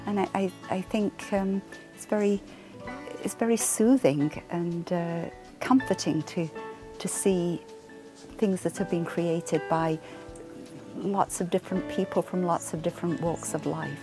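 A woman in her sixties with an English accent, a fibre artist speaking reflectively in a documentary interview, pausing often with ums. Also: fairly low pitch. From England. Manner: reflective, soft-spoken, many ums and uhs. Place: home craft room. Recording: soft music underneath.

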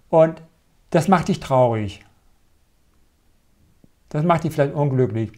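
With a medium-pitched voice, this male meditation teacher gives a live spiritual talk. His tone stays gentle and comforting, and he frequently checks in with listeners through a questioning tag.

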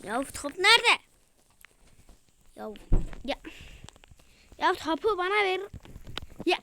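A woman giving excitable commentary while playing a football video game, shouting, chanting and now and then dropping to whispers. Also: very high-pitched, slow, vocal fry, a little hiss or hum. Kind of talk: excited let's-play commentary.

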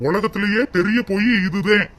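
A performer voicing a gentle, henpecked young father with a rural southern Tamil accent in a cartoon. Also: mid-range voice, fairly even intonation, normal speed, background noise, natural voice. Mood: pleading. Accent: southern Tamil Nadu rural.

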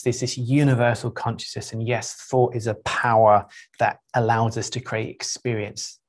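Man giving an unhurried spiritual talk. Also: mid-range voice. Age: middle-aged. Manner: unhurried, pausing, with frequent 'um's. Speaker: spiritual teacher. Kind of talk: reflective talk to a group.

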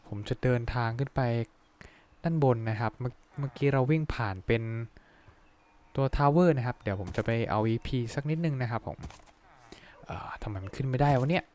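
A young man giving polite, chatty let's-play commentary, breaking into excited outbursts. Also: medium pitch, brisk. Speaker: gaming YouTuber.

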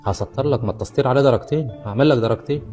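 A man playing a fast-talking joker barber. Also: mid-range voice, warm tone, soft background music, close to an everyday voice. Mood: teasing. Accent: Egyptian Arabic. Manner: teasing, bantering, rapid-fire jokes at customers. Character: cheeky joking neighborhood barber, adult man. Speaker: actor. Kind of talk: comedy sketch.

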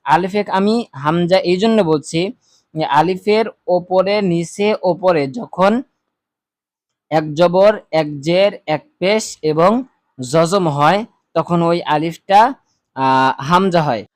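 Slow chanting teacher man. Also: high voice, no echo, clean studio sound. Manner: slow, chanting each letter and vowel sound. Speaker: Quran reading teacher. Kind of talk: spelling drill lesson.

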